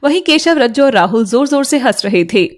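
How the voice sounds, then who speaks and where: A woman narrating a dramatized story in an expressive, dramatic way. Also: high-pitched, a little fast, background noise.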